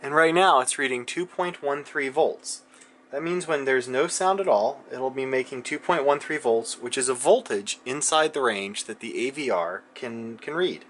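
Thinking aloud at his cluttered indoor electronics workbench, a man casually narrates a hands-on demonstration and muses to himself. He speaks at a moderate pace in a mid-range, slightly bright voice, with a little hiss or hum present.

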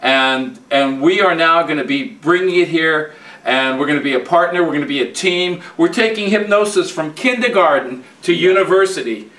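Indoors at a hotel room and an airport, a fifty-something hypnotist speaks forcefully and repetitively to camera, promoting his training and running a live demo. His fairly high voice is pushed and bright at a moderate pace, and he's far from the mic, with a roomy, echoing camera sound.

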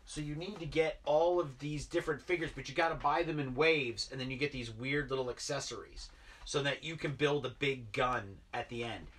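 In an indoor basement toy room, a man in his thirties who vlogs about toy collecting unboxes his haul, chatting casually and enthusiastically with lots of fillers. He speaks at normal speed in a mid-range, fairly bright voice. He's far from the mic, with slight background noise.

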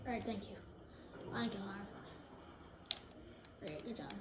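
A woman giving excitable live gameplay commentary, jumping between hyped shouts and low mumbles. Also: measured pace. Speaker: gaming video creator. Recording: roomy echo with faint noise.

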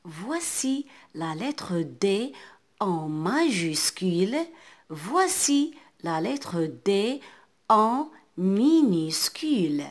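A woman with a North African French accent, teaching a reading lesson to young children and sounding out words clearly. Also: medium pitch, big pitch swings. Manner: slow, carefully enunciated, repeating words for children.

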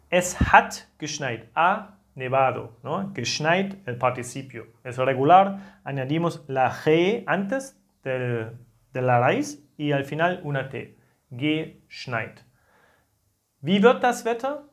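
A man with a German accent, German by first language, teaching a language lesson with slow explanations that often end in a tag question. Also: on the high side.

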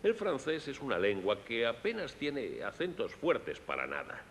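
With wildly swooping pitch at a normal speed, a man dubs a lecture on music for young listeners in a Castilian Spanish accent. He presents a children's concert, teaching and speaking to them directly, in an echoey hall with long reverb and faint rumble.

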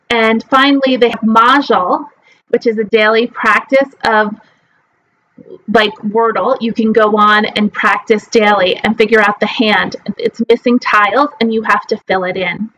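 A woman in her forties, a mah jongg teacher, runs a live online class in front of her webcam, explaining things step by step and saying "um" often. Her voice is a little high and slightly bright, and the audio quality is poor.

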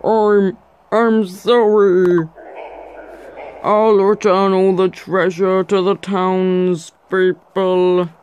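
A woman's voice: mid-range voice, level tone, darkish tone, muffled recording, slight background noise. A woman voicing a cowardly, apologetic male genie from a video game, in a pleading manner. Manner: slow, pleading. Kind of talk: reading game dialogue in character.

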